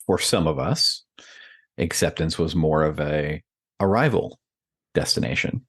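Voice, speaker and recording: A man's voice: rumbling low, animated, unhurried, fairly bright tone, husky, no echo, studio quality. A middle-aged man co-hosting a podcast, chatting casually and telling a personal story with lots of fillers and laughs. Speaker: podcast co-host. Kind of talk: casual conversation.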